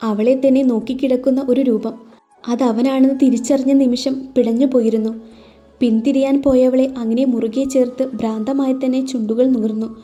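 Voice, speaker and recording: A woman's voice: fairly high pitch, mellow, dull audio. A woman reading a romantic story aloud as scripted narration, speaking the characters' lines in her own voice.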